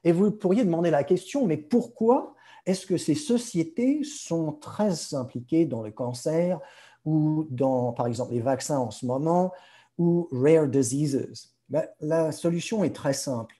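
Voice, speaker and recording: A man's voice: a little high, measured pace, mellow. A man giving a slide presentation, hesitant and searching for words, mixing practised English terms into his French. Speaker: guest speaker presenting slides. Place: remote video conference.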